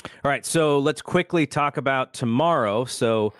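A man's voice: mid-range voice, measured pace, smooth, no room sound. An easygoing man with a mid-range voice talking baseball on a podcast. He hesitates and fills gaps with uh and you know. The recording is dry and close. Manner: easygoing, hesitant, many fillers, laughs often. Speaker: podcast co-host. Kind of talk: casual sports chat.

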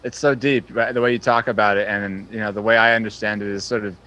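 A man's voice: lowish voice, steady tone, quick pace, bright, forceful tone, low-quality recording. A man interviewing a fellow musician in casual chat, earnest and appreciative, with many fillers and restarts.

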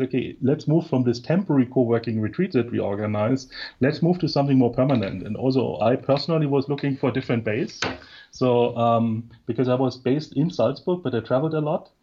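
Man, relaxed, slightly dull audio. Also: medium pitch, slightly rough. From Munich, Germany. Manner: relaxed, rambling, with restarts. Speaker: co-working space founder, guest. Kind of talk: casual interview.

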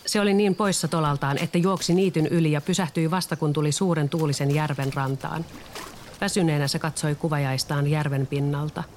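A storyteller reads a children's storybook aloud in a calm, steady voice of middle pitch. The narration stays even and unhurried throughout. A faint layer of background noise sits under the voice.

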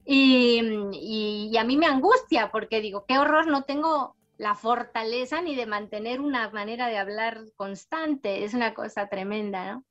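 A middle-aged woman whose accent blends Spain and Latin America, answering an interviewer in a thoughtful, storytelling way. Her voice sits a little high for a woman. The audio is slightly dull and lo-fi. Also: moderate pace, hardly any pauses. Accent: mixed Latin American and Spanish. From Spain, raised in Panama. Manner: warm storytelling, thoughtful, frequent tag questions. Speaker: writer, interview guest.

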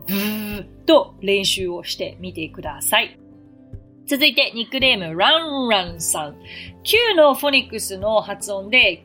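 Bright, lively woman teaching English. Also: on the high side. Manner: explains patiently, repeats English phrases slowly for practice. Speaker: English teacher and podcast host. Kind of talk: podcast English lesson.

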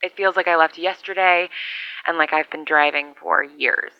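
A woman's voice: deep voice, steady tone, moderate pace, no echo, muffled recording. A woman playing a wry, lonely survivor who rambles into a two-way radio, heard through it. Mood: hopeful. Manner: rambling, self-deprecating, wry. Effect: transmitted over a two-way radio. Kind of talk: audio drama monologue.

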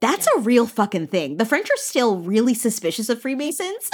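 A woman co-hosting a casual book podcast, animated and swearing freely as she acts out quotes from the story. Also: fairly high pitch, moderate pace, husky. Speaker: podcast co-host.

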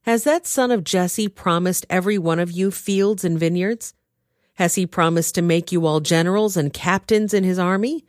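A woman voicing a paranoid king who shouts accusations at his men. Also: lowish voice, normal speed, dry recording, clean studio sound, lightly acted. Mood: furious.

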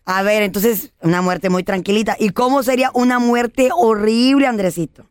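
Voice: medium pitch, normal speed, clear, resonant tone, dry recording, clean studio sound, lightly acted. A performer voicing a fussy, doting middle-aged schoolteacher in a comedy sketch, with an exaggerated sing-song manner.

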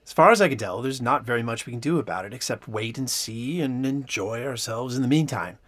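A man's voice: medium pitch, lively intonation, a little fast, fairly bright tone, lightly acted. A man playing a flamboyant stage magician. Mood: dismissive. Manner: flamboyant, theatrical, laughs often. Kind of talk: audio drama acting.

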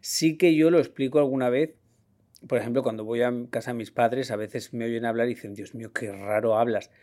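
A man's voice: mid-range voice, fairly even intonation, brisk, dark tone. Friendly talkative man hosting an interview. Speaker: podcast host, interviewer. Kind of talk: casual interview chat.

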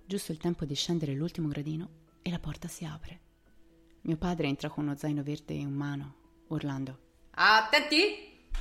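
A woman's voice: low voice, gravelly, mellow. A woman narrating a first-person horror story in a conversational, wry manner.

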